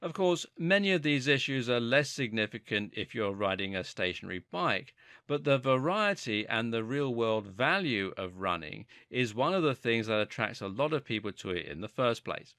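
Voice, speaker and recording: Male narrator for scripted fitness explainer: articulate, animated pitch movement, dry studio-like sound. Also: moderate pace, no echo.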